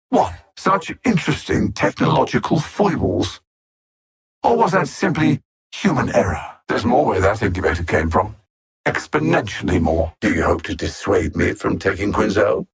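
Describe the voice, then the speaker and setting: A man gives a heavily acted, theatrical performance as a cold, superior alien machine conqueror in a video game, his medium-pitched voice gravelly and husky. Articulate and haughty, he moves from imperious commands to sneering taunts, savoring the menace.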